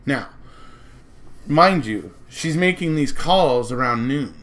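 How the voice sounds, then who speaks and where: A man's voice: mid-range voice, animated, slow, fairly bright tone. An American man giving a casual, speculative monologue as a true-crime commentator, rambling and circling back to repeat his points.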